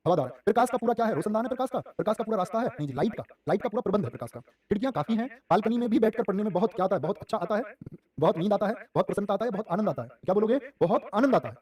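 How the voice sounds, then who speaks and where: Fast-talking male teacher, distant mic. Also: sits high, animated, darkish tone. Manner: rapid, repetitive questioning, calls students "dear children". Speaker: exam coaching teacher. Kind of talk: live online class.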